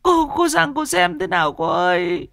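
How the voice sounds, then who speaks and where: A woman's voice: very animated, normal speed, gravelly, fairly bright tone, no echo, studio quality, exaggerated voice. A man voicing a frantic middle-aged village woman who sobs and begs shrilly for help. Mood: frantic wailing. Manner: shrill, sobbing pleas.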